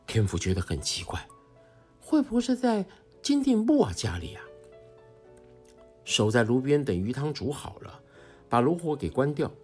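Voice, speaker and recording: Female narrator, animated children's storytelling, faint music bed. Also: a bass voice, moderate pace, pauses often, husky. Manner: expressive, animated reading.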